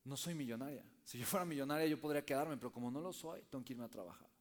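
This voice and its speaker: A man quoting his tired, gentle working mother in a soft voice. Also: mid-range voice, very fast, natural voice. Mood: tender.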